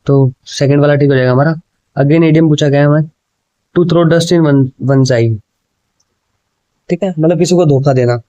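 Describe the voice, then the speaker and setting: Man, casual exam prep teacher, mellow voice, reads questions slowly, then chats them through in Hindi and English. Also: a little high, dry recording, muffled recording. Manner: explains in Hindi with English words, often says "ठीक है" and "भाई".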